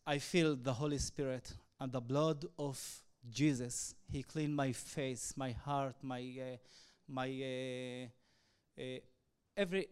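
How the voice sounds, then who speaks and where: Speaking in faltering English riddled with fillers, a man tells his personal testimony; he is an Israeli evangelist and a native Arabic speaker. The voice is smooth and of medium pitch.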